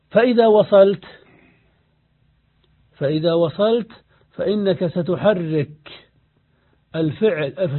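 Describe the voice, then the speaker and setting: A man's voice: high voice, breathy edge. A man teaching an Arabic grammar lesson, patiently explaining rules, repeating key points and asking the class questions. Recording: tinny phone-like lo-fi recording.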